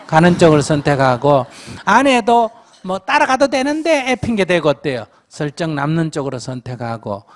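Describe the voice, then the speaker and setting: Older male monk, blunt and teasing advisor, slightly high voice. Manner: blunt, scolding, with teasing laughs. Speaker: Buddhist monk giving advice. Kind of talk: Q&A dharma talk.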